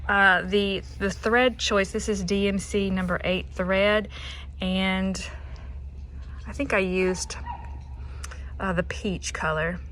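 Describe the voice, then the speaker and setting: A woman's voice: mid-range voice, fairly even intonation, slow, long pauses, a bit bright. Female vlogger, mid-range voice, informal craft show-and-tell, chatty, self-deprecating, some ambient noise behind. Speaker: quilter presenting her own finished quilt. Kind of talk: casual show-and-tell vlog.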